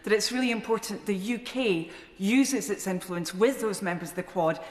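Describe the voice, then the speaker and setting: A woman's voice: mid-range voice, moderate pace. A woman speaking formally as a member of parliament in a debate. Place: large indoor debating chamber. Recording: echoey chamber with long reverb.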